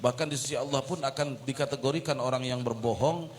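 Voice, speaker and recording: A man interpreting a sermon, retelling its story in a lively way with explaining asides. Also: mid-range voice, fast talker. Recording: long reverb of a large hall.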